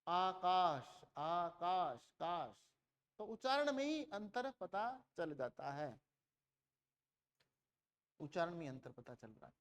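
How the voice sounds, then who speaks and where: A man's voice: high-pitched, sing-song, a little slow, pauses often. A man teaching a grammar lesson in a classroom, asking questions and answering them himself, and repeating words to compare how they sound. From India. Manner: repeats words to contrast vowel lengths.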